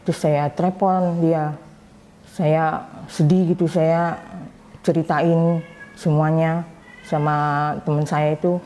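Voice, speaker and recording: A woman telling her personal story, voicing the people in it with animated quoted dialogue. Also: sits low, slow, pauses often, slight background noise. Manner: recounts with lively quoted dialogue. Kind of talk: personal testimony.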